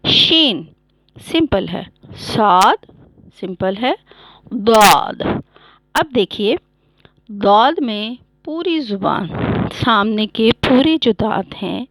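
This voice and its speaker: A woman's voice: a little high, no room sound, poor audio. A woman teaching Quran reading, patiently sounding out letters one by one and repeating them. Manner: slow and clear, repeats each letter sound. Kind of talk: patient step-by-step lesson.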